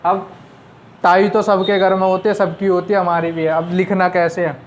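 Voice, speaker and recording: A man with a fairly high voice teaches a shorthand class, talking casually and going over each step again as he writes it out. The sound is a little dull and lo-fi. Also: flat delivery, moderate pace, slight background noise. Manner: talks while writing on a board, repeats and explains step by step.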